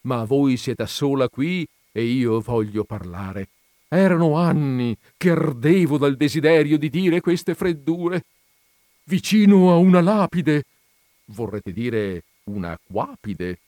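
A man reading aloud, voicing a cheerful gentleman who can't stop making puns. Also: lowish voice, slow pace, few pauses, dry recording, clean studio sound. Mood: jovial. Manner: jovial, cheerfully pleased with own puns. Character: jovial punning male gentleman.

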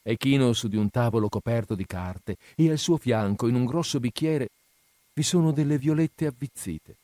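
A man's voice: medium pitch, animated, moderate pace, mellow, no echo, studio quality, close to an everyday voice. A man doing a sorrowful generous statue prince.

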